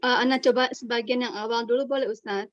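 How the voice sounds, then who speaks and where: A woman's voice: on the high side, steady tone, fast talker, no room sound. A woman student politely asking permission over an online class call, her voice breaking up from a bad connection. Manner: polite, asks permission hesitantly. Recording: dull lo-fi dry call audio.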